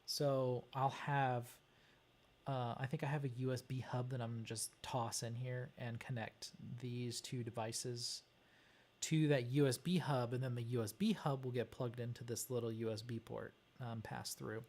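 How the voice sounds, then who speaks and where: A livestream host chats casually while working on a wiring diagram, muttering hesitantly as they think the task through aloud. The voice is medium-pitched with a darkish tone.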